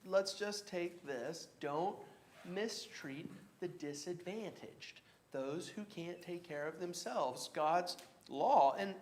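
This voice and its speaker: Casual man teaching a Bible class. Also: high voice. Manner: casual, halting, with many fillers and restarts. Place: church classroom.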